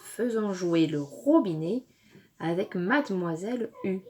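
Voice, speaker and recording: A woman's voice: mid-range voice, expressive, dark tone. A woman with a French accent teaching a phonics lesson to young children, stretching out syllables and praising often. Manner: drawn-out syllables, encouraging praise.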